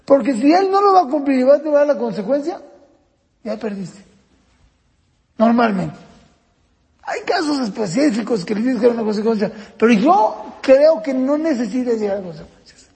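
A man lectures parents in a high, gravelly voice with a mellow, dark tone. He acts out short exchanges between parent and child as he explains. His voice rings through a room with a long reverb. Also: animated, moderate pace, pauses often. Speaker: parenting course teacher.

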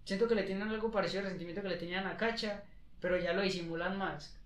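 High-voiced young man, echoey room. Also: very fast. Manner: slangy, animated, acts out quotes. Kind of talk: casual chat about freestyle rap battles.

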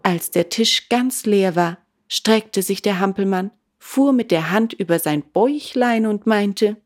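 A woman reading a children's book aloud in a calm, measured way. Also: mid-range voice. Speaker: audiobook reader.

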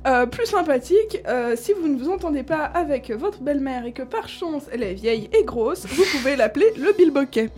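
Woman host, high voice, amused chatty listing, faint music behind. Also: moderate pace, few pauses. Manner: amused, lively listing, frequent laughs. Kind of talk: casual chat reading slang from an old dictionary.

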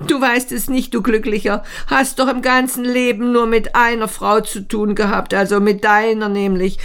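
A woman reading aloud, voicing a rattled man who rushes his words in a high, strained voice. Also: a bit bright. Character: agitated man, rattled and pleading. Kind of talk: audiobook reading.

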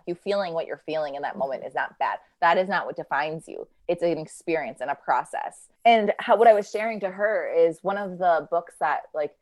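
A woman's voice: sits low, dry recording. A woman guest on a podcast, talking in an earnest, reflective way with many fillers. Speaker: podcast guest, healing coach. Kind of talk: casual podcast chat.

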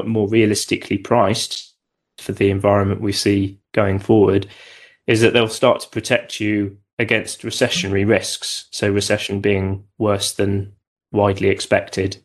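Lower-pitched man giving measured market commentary. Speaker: investment expert guest.

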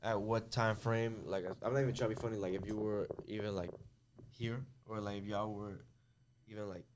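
A man's voice: on the low side, fairly even intonation, a little fast, noisy background. A young man chatting casually in a group, hesitant and rambling, often repeating himself as he works toward his point.

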